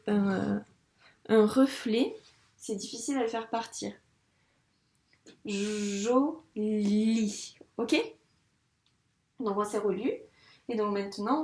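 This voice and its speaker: A primary school teacher, a woman, guiding a young child through a handwriting lesson in a patient, encouraging way, saying each sound slowly as she writes. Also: mid-range voice, darkish tone. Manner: says sounds slowly while writing. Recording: echoey room, mic at a distance.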